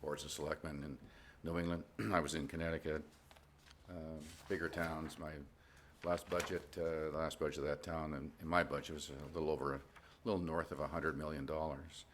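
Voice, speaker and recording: A man introducing himself to a town board as a willing applicant, speaking modestly and haltingly. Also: a bass voice, level tone, fairly bright tone, a little hiss or hum. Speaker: committee applicant.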